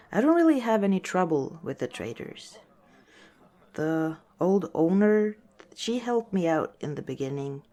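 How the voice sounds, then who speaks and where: In a soft-spoken ASMR roleplay, a woman with a low voice plays an orc who runs a tavern. She's friendly and teasing, chatting gently and without hurry.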